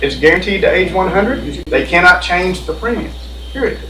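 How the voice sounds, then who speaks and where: In a board meeting room, an insurance benefits presenter explains coverage options in a folksy, repetitive way, often restating his points. His voice is high-pitched and expressive at a moderate pace. The room echoes, the mic sits at a distance, and crowd noise is audible.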